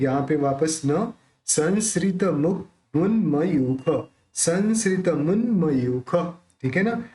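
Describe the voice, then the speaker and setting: A man teaching careful pronunciation of a devotional hymn, chanting verses slowly between quick explanations. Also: on the high side, darkish tone, rough recording. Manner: slow deliberate chanting alternating with quick explanations. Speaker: recitation teacher.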